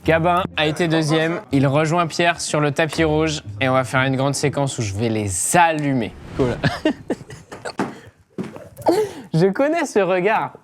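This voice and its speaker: A man's voice: fairly high pitch, normal speed. A young man hosting a challenge in casual banter, with a mocking, playful tone. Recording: music behind the voice.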